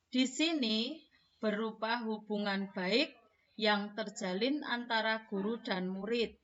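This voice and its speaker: A woman teacher giving a scripted lesson, speaking in a measured way and addressing her audience formally. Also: fairly high pitch, sharp tone, lo-fi sound.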